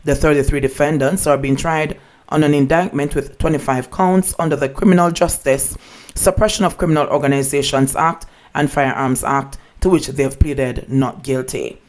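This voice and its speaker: Male news narrator, pitch a little above average, formal scripted delivery. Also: fairly even intonation, normal speed.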